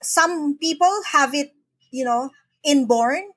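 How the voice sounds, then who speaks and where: This middle-aged Filipino woman is a podcast guest in a casual interview, recorded at home in the Philippines with no echo. She speaks earnestly and slowly in a high, fairly bright voice, often repeating words as she begins a sentence.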